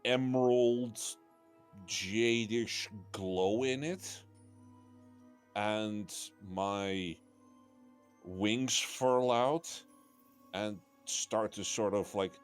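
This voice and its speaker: A man playing a tabletop role-playing game, describing his character's actions in a halting way, often stopping to find words. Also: lowish voice, clean tone, soft background music. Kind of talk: casual in-character play description.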